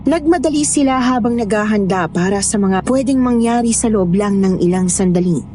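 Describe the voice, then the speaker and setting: A woman narrating a scripted horror story in a measured, storytelling manner. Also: mid-range voice, dark tone, slight background noise.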